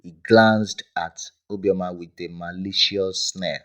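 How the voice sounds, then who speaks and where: A man's voice: low voice, steady tone, measured pace, poor audio. A man narrating a dramatic folk tale in a grave storytelling manner. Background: loud background music.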